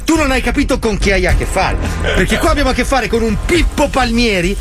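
A man with a very high voice co-hosts a comic radio show over loud music. He banters casually, cutting in and repeating his words with mock exasperation. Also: lively intonation, fairly quick.

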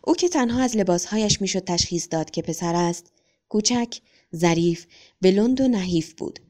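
A woman calmly narrating a short story as an audiobook. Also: medium pitch. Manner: calm, even reading.

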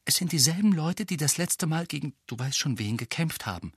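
A man's voice: fairly high pitch, animated, brisk, slightly rough, no echo, clean studio sound, voice pushed up. Man doing a nervous teenage witch girl. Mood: anxious. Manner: nervous, hasty, apologetic. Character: anxious teenage witch girl, near tears.

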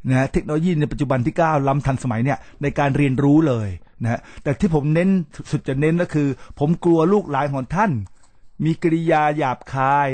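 A middle-aged man hosts a podcast in a chatty lecture style, his voice sitting a little high. He talks with lively energy and slips in English words as he demonstrates them. The sound is close and dry, with no room echo. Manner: animated, mixes English words into his talk, demonstrates pronunciation. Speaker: podcast host teaching English. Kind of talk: casual lecture-style talk to listeners.

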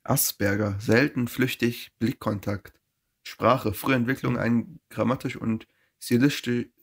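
A young man in casual chat, reading out facts haltingly and laughing. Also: medium pitch, fairly even intonation, creaky, husky.

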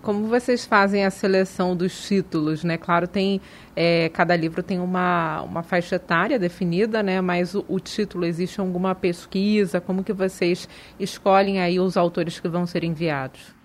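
A woman's voice: fairly low pitch, steady tone, moderate pace. A woman interviewer asking questions for a radio column, with a few restarts.

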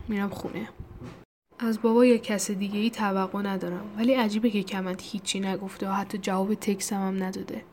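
A woman narrates a novel in a steady, mid-pitched voice. Her delivery is calm and measured, and she drops into soft, breathy asides. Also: a little hiss or hum. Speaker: audiobook narrator. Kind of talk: reading a novel aloud.

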